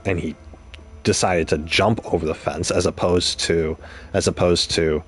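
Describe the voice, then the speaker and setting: A man's voice: low voice, fairly even intonation, measured pace, breathy edge, soft background music. A young man streaming a game, talking casually and rambling through an explanation with examples and restarts. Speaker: gaming streamer. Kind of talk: casual commentary while gaming.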